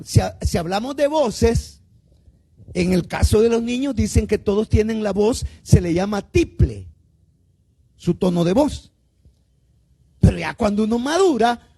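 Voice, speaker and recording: At a church service, a male pastor with a Salvadoran Spanish accent preaches in a high, creaky voice with a breathy edge. He asks the congregation questions, calls them "hermano," and draws out words for emphasis while swinging between loud and quiet.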